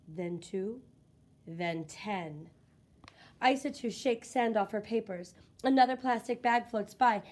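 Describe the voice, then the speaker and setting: A woman with a mid-range voice reads a children's book aloud, giving expressive, scripted narration with deliberate, dramatic phrasing.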